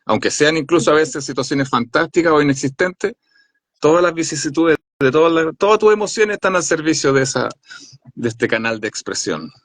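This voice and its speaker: A man with a Chilean accent, a voice actor talking calmly and reflectively as an interview guest. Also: on the high side, no echo, studio quality. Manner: reflective, thoughtful, measured. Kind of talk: casual interview talk.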